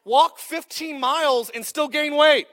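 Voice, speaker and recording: A pastor in his thirties preaches a joking, punchy sermon and calls out to the congregation. His voice is extremely high-pitched, pushed and bright, and he talks a little slowly.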